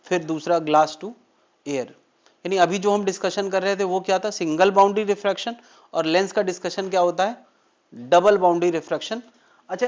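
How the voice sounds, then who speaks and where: A man's voice: sits high, lo-fi sound. A man teaching physics, asking the class questions and answering them himself. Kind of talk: classroom lecture.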